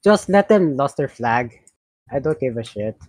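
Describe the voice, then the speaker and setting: A man's voice: medium pitch, animated, unhurried, a little mellow, no echo. Man cracking crude offhand jokes. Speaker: teammate. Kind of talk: gaming voice chat.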